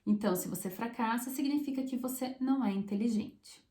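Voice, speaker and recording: A woman psychologist giving a conversational explanatory talk, often checking in with short tag questions and pausing to choose her words. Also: a little high, mellow. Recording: echoey room.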